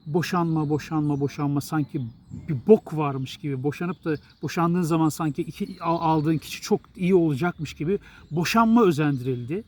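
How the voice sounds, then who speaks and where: Fairly high in pitch and moderate in pace, a middle-aged man, a journalist and writer from Turkey, delivers a monologue to his viewers. He's blunt and exasperated, wandering off and restarting often.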